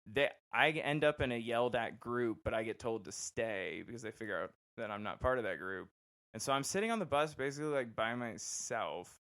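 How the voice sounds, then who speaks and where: A young man casually telling a personal story on a podcast, animated and quick to act out the people he quotes. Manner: animated, acts out quoted voices with big pitch jumps. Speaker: podcast host.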